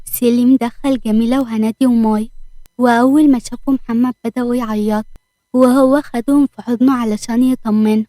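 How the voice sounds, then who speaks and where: A woman with an Egyptian accent narrating an audio story in a brisk, expressive way. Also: a little high, no echo.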